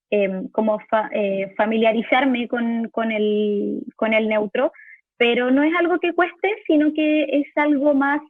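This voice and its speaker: A woman's voice: a little high, no room sound. A voice actress from Chile with a Chilean accent, answering interview questions from her home recording room in a hesitant way, often restarting and repeating words. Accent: Chilean Spanish. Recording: tinny phone-like line, dry.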